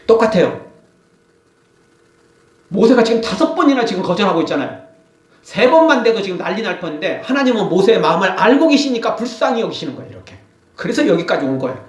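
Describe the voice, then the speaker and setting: Man preaching in a church, high lively voice, roomy sound from a distance. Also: fast, long pauses. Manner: animated preaching, acts out scolding quotes. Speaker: pastor. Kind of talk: sermon.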